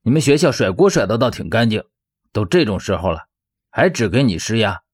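A male narrator playing a blunt, hot-tempered young man with gruff speech in an audiobook. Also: on the low side, animated, moderate pace, warm tone, dry recording, clean studio sound. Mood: angry. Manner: gruff, angry outbursts.

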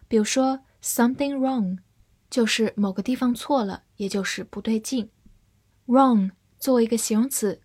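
A woman teaching English vocabulary in a scripted lesson, spelling words letter by letter and modeling slow, careful readings. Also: on the high side, darkish tone, husky.

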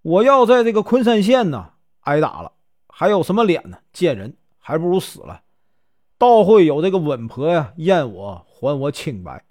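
A man's voice: on the high side, wildly swooping pitch, normal speed, darkish tone, no echo, studio quality. Brief: a man doing a desperate wronged young widow in a storybook tale, pleading. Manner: pleading, emotional.

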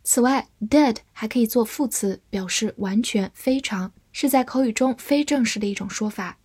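A woman teaching English vocabulary in Chinese, a native Chinese speaker who spells each word letter by letter and repeats it slowly. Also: fairly high pitch, a little mellow, slightly rough, no room sound. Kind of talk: slow, deliberate vocabulary lesson.

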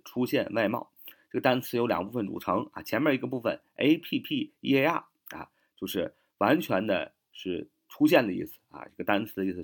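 A man teaching English vocabulary, spelling words out letter by letter and repeating each example sentence slowly. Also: fairly low pitch. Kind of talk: vocabulary lesson.

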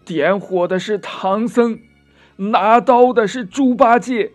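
A man voicing a scheming old widow in a children's storybook reading, with a shrill, insistent accusing manner. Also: slow pace, faint music behind. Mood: spiteful. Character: scheming old widow lying to her sons.

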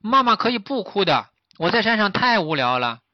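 A man voicing an eager young boy fawn in a storybook, bright and pleading. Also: sits high, big pitch swings, fairly quick, no echo, lo-fi sound, voice pushed up.

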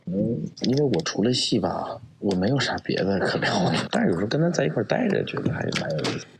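Low-voiced man telling a story haltingly. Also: big pitch swings, creaky, background noise. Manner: halting, repeats words. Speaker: actor guest. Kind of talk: personal storytelling.

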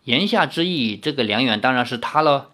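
A narrator reading a martial-arts novel aloud in an animated storytelling manner. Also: medium pitch, a little fast. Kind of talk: audiobook reading of a wuxia novel.

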